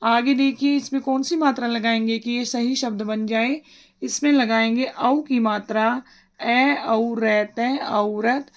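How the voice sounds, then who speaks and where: A woman teaching a worksheet lesson for young children, sounding out each syllable slowly and asking questions that she answers herself. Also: a little high, fairly even intonation. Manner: slow, sounds out syllables one by one.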